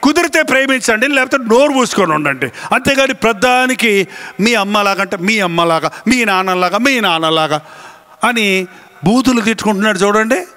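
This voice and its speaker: High-voiced animated male preacher. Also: moderate pace. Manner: animated storytelling, acting out voices and animal sounds. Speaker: pastor. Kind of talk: sermon.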